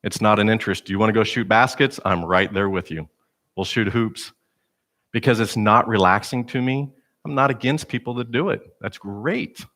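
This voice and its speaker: A male pastor delivers a relaxed sermon in a church sanctuary. His voice sits a little low, and he talks like he's chatting with friends, poking fun at himself as he goes. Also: moderate pace. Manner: conversational, self-deprecating storytelling.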